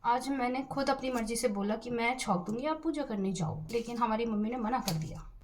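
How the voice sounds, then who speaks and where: Giggling as her face mask dries, a young vlogger chats to camera at home in a playful, casual way. She speaks slightly quickly, in a fairly high voice.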